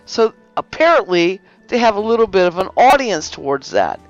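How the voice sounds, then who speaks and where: This game guide host has a mid-range, sing-song voice and a moderate pace, with no room sound. Her tutorial narration over gameplay is casual and rambling, dotted with fillers and frequent self-corrections, and the lo-fi recording is slightly dull with faint music.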